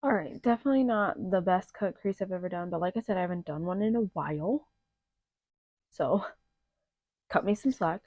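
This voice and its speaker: Talking casually through a makeup tutorial with plenty of fillers, a young beauty vlogger sounds a little nasal due to allergies. Her lowish, darkish voice moves at a moderate pace with long pauses, captured in a slightly muffled home recording without echo.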